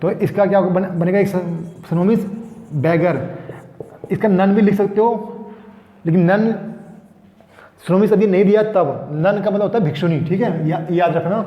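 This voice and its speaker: A man's voice: sits high, fairly even intonation, moderate pace, long pauses. A male grammar teacher, explaining step by step to students in a classroom lecture. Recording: echoey dull room sound.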